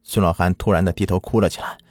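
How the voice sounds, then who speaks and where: Deep-voiced male ghost-story teller. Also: fairly even intonation, fast talker, dry recording, clean studio sound. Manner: dramatic, lilting storytelling. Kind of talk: folk ghost story narration.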